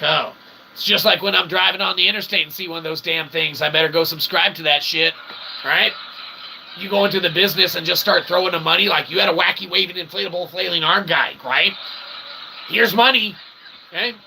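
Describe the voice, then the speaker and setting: A man with a high-pitched, gravelly voice and a sharp tone, recorded roughly with slight background noise. He runs an independent internet channel where he promotes his books. His comic monologue rambles in a folksy, tongue-in-cheek, self-deprecating way, and he keeps tagging phrases with a questioning "okay?"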